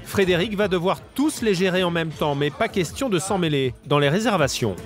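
A man's voice: high-pitched, expressive, fairly quick. A man narrating a documentary report in a scripted voice-over, over a music bed.

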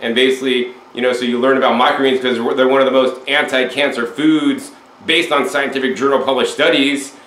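A talkative male show host conducts a casual interview, explaining things at length in a mid-range, steady, slightly bright voice, speaking fairly quickly with few pauses. He's on a lapel mic indoors in an echoey home room with a window.

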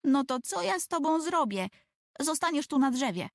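A woman voicing a bossy, lively little village girl who gives commands and scolds. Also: high voice, normal speed, dry recording, clean studio sound, voice pushed up.

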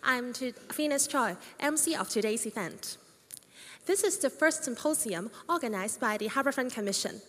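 A woman's voice: on the high side, expressive, normal speed. A young woman hosting a formal event as master of ceremonies, speaking into a handheld mic in a large hall. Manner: bright, polished announcing. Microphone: handheld microphone. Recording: long hall reverb.

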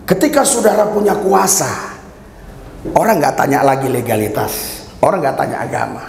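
A man preaches with fervour, his voice pitched a little high as he calls on the congregation. The sound rings through a roomy church hall with a long, trailing reverb. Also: very animated, normal speed, gravelly, darkish tone. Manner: fervent preaching, calling out hallelujahs to the crowd. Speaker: pastor. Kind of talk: sermon.

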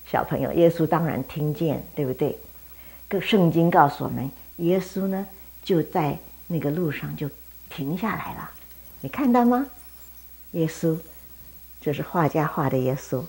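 A woman teaching Sunday school, telling a Bible story in a lively way and talking directly to the children. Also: sits low, normal speed.

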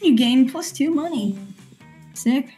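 A woman's voice: high voice, animated, slow, mellow, faint music behind. A young adult woman casually reading a video game's narration aloud while playing with friends.

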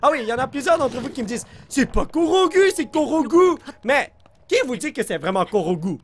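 A man with a Québécois French accent giving excitable gameplay commentary, reacting loudly and talking straight to his viewers with English exclamations mixed in. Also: extremely high pitch, fast talker. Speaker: let's play host.

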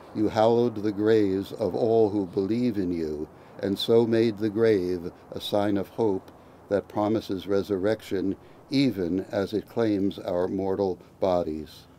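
A man, a priest, reciting committal prayers at a graveside in a measured, liturgical way. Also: fairly low pitch, steady tone, warm tone, a little hiss or hum.

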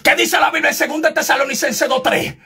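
Shouting preacher man, high gravelly voice. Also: fairly even intonation, brisk. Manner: shouting, insistent and confrontational, bursts into tongues. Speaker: evangelist preacher. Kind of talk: fiery shouted sermon.

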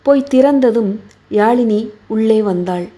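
A woman reads a novel aloud as audiobook narrator and host, measured and gentle. Her delivery is slow and unhurried, her voice mellow and warm. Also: on the high side.

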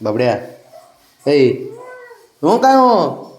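A man's voice: a little high, huge pitch swings, drawn-out words, a little mellow. Man baby-talking his cats in an echoey room. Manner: coaxing, teasing baby talk to the cats. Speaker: pet owner filming his cats. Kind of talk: casual talk to pets.

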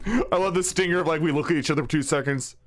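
A man streaming a video game, commenting casually in a joking, swearing, animated way. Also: a little high, fast, faint music behind.

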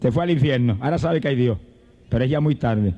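A man preaching a fervent Pentecostal sermon to a congregation in church, moving from calm Bible teaching to shouted praise. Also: medium pitch, fast, highs cut off. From Puerto Rico. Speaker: evangelist preacher. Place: church service before a congregation.

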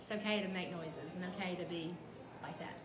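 A woman's voice: on the low side, steady tone, a little fast, reverberant, over loud music. A middle-aged woman in heartfelt casual chat as an interviewed mother. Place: small lamp-lit room.

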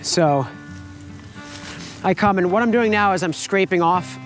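A man's voice: high-pitched, measured pace, a bit bright, soft background music, rough recording. Chatty young man teaching foraging. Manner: casual, chatty, laughs often. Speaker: foraging instructor. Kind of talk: outdoor teaching walk. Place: forest outdoors, then wooden lodge hall.

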